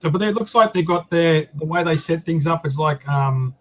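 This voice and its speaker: A man's voice: fairly high pitch, moderate pace. A man explaining in an easygoing way how his group shares its findings. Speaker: yowie group organiser. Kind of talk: casual online hangout chat. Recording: lo-fi call audio.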